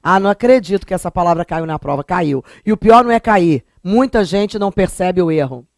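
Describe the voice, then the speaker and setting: A woman's voice: lowish voice, brisk, dry recording, clean studio sound. A woman from Rio de Janeiro with a carioca accent, teaching a Portuguese exam-prep lesson and talking straight to her students, stretching words out to show how they sound. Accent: Carioca Brazilian Portuguese. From Rio de Janeiro, Brazil. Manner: lively, talks straight to students, drawls words out to show pronunciation.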